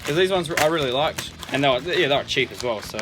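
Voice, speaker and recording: A young man filming a casual unboxing vlog, excitable and swearing a lot, with loud bursts of delight. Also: a little high, quick pace, background noise. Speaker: vlogger. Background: music.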